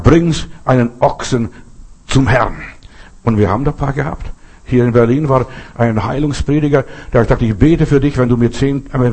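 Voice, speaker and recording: A man's voice: medium pitch, darkish tone, slightly rough. A man preaching a folksy sermon, talking straight to his listeners with many asides. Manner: folksy, addresses listeners directly with frequent asides. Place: Berlin.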